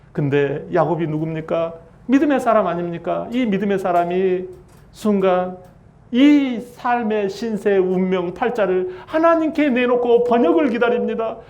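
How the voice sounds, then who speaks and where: A man's voice: high voice, a little mellow, lo-fi sound. A middle-aged man preaching a sermon as pastor, emphatic, acting out the people in his story with rising, wailing voices.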